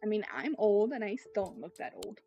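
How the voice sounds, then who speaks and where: A woman's voice: mid-range voice, big pitch swings, fairly quick, mellow. A woman game streamer giving casual commentary as she plays live. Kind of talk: casual gameplay livestream commentary. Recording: music behind the voice. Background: background music.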